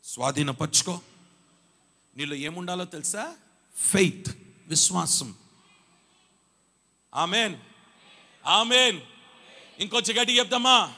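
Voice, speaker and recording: A male pastor delivers a Sunday sermon in a high-pitched, bright voice. He moves from quiet, confiding storytelling to fervent shouted exhortations, pressing his listeners to answer back. The live recording carries a long church-hall reverb. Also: expressive, a little slow, pauses often. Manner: rises from quiet storytelling to shouted exhortation, urging the congregation to respond.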